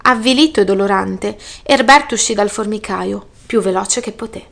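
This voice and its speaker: A woman reading a children's picture book aloud, gentle and lively. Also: mid-range voice, moderate pace, vocal fry. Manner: gentle, lively read-aloud with voiced characters. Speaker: storyteller.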